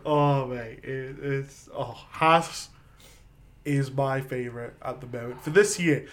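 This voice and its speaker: A man's voice: mid-range voice, takes it slowly, fairly bright tone. A man co-hosting a casual podcast, chatting and steering the conversation. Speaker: podcast co-host. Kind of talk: casual chat.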